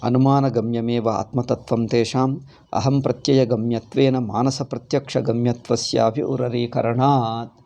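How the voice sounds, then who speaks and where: A man's voice: mid-range voice, level tone, a little fast, vocal fry, mellow, muffled recording. A man with a South Indian accent teaching scripture in a lecture style, explaining emphatically with repetition and rhetorical questions. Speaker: Vedanta teacher. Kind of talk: spoken scriptural lecture with Sanskrit quotation and commentary.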